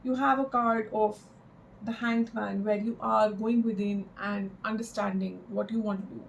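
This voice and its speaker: A woman giving an improvised, mystical horoscope tarot reading in a halting, reflective way, repeating phrases for emphasis. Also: mid-range voice, fairly even intonation, vocal fry, muffled recording, a little hiss or hum. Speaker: tarot card reader.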